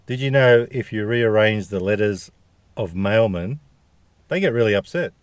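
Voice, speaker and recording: Low-voiced Australian man, casual and jokey. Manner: jokey, slangy. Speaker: food review vlogger. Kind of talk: casual chat to viewers.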